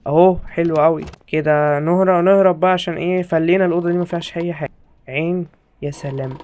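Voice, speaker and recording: A young man with an Egyptian Arabic accent giving jokey, excitable horror game commentary to his viewers from a home setup. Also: fairly high pitch, fast talker. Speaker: gaming YouTuber.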